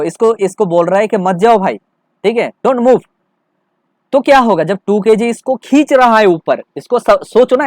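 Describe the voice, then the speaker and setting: A male physics teacher works through a problem for students, repeating his checks and asking rhetorical questions while mixing English terms into Hindi. His voice is high-pitched with a darkish tone, and there's no room sound.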